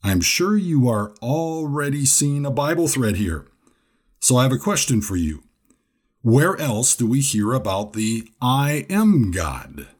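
A man's voice: mid-range voice, very animated, measured pace, a little mellow, slightly rough. A man giving a scripted Bible lesson, earnest and explanatory, repeating key points. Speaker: Bible teacher.

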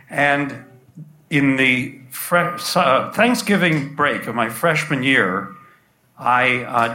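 A man's voice: mid-range voice, bright, forceful tone, reverberant. A man in his sixties from the United States, telling a personal story live on stage to an audience, chatty and playful with asides to the crowd, heard on a poor-quality live recording. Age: 60s.

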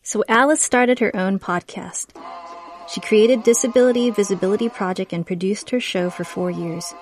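A woman reading scripted narration in the measured manner of a public radio host. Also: medium pitch.

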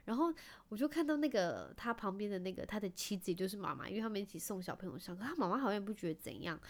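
A woman's voice: medium pitch, expressive, quick pace, gravelly. A woman in her thirties with a Taiwanese Mandarin accent, chatting casually as a host and telling wry, self-mocking stories about her family. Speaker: podcast host, mother. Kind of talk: casual storytelling chat.

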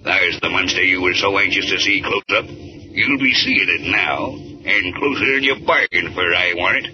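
Actor as a deep, menacing fisherman villain. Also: close to an everyday voice. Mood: gloating menace. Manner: slow, gloating, threatening. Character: menacing fisherman villain, gloating, gun-toting captor. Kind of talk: 1940s radio acting. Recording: muffled old radio recording, loud music.

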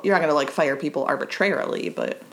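A woman co-hosting a podcast in casual recap chat, animated, laughing often and saying "like" a lot. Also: deep voice, fast. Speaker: podcast co-host.

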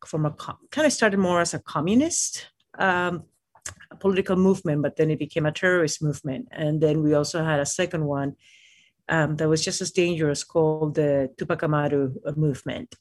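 A woman from Peru, a mountaineer guest in an interview, speaking in a halting way with many fillers and restarts. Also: low-pitched, dry recording. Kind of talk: casual interview talk.

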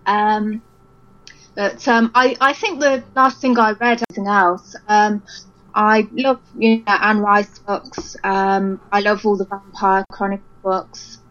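A woman's voice: medium pitch, steady tone, takes it slowly, a bit bright. A woman speaking as a guest over a phone line that fades in and out, chatty and frank, laughing easily. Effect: dull phone line that fades in and out. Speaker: musician guest. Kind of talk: phone interview. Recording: muffled phone call.

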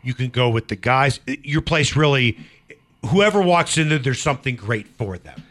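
A man's voice: mid-range voice, expressive, normal speed, fairly bright tone. A man hosting a sports radio show in the studio, chatty and enthusiastic, also reading sponsor spots. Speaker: radio talk show host. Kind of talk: casual studio chat.

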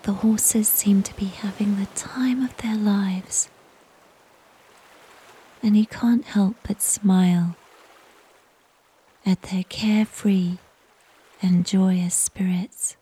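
Very slow, breathy whispering woman. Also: mid-range voice, fairly even intonation, warm tone. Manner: unhurried, soothing, with long pauses between short phrases. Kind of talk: whispered relaxation story narration, slow guided-imagery nature storytelling.

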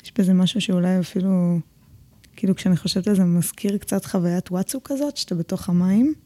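A woman's voice: fairly low pitch, dark tone. A woman guest on a podcast, talking casually and hesitantly, with many fillers. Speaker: podcast guest, learning and development manager. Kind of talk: casual conversation.

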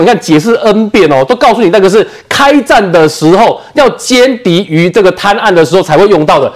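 A man with a Taiwanese Mandarin accent arguing as a political commentator on a talk show, firing off rhetorical questions. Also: sits high. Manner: fast, emphatic, rhetorical questions.

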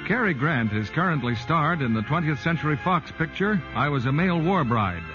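A man's voice: on the high side, animated, brisk, lo-fi sound, music in the background. A man announcing in a formal, clipped 1940s radio style, heard as an old radio broadcast. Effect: old 1940s radio broadcast sound.

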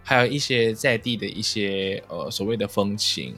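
A man's voice: lowish voice, animated, normal speed, pushed and bright. Man with a Taiwanese accent, music behind. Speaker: podcast host. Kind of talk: casual conversational interview.

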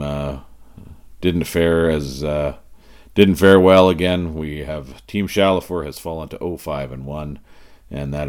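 A very low-pitched man hosts a casual podcast with a Canadian accent. His whiskey voice is raspy and worn, and his delivery is folksy and relaxed. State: raspy from cheering at a game. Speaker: podcast host. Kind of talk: casual solo podcast talk.

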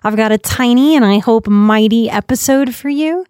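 A woman in her late thirties, a podcast host and life coach, telling a personal story in an earnest, reflective way and slowing down for emphasis. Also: fairly high pitch, a little mellow, smooth, dry recording, clean studio sound. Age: 30s.

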